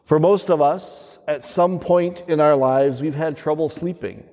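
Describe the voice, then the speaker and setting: A man speaking as a priest in solemn, measured liturgical reading and preaching, his voice ringing with cathedral echo. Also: fairly high pitch, darkish tone. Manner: solemn, measured delivery with deliberate pauses. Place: large reverberant church. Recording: long cathedral echo, reverberant church hall.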